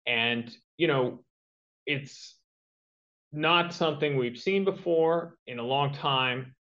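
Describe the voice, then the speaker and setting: A man's voice: a little high, takes it slowly, sharp tone. A man hosting and moderating a live question-and-answer session. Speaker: host and moderator. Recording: slightly dull livestream audio.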